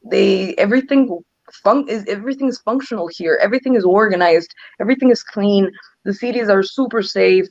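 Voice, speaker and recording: A woman's voice: mid-range voice, a little fast, a little mellow, no echo, lo-fi sound. A woman from Ecuador, answering interview questions earnestly and restarting her sentences often. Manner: earnest, frequent restarts and "um" fillers. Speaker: interview guest, legislative advisor.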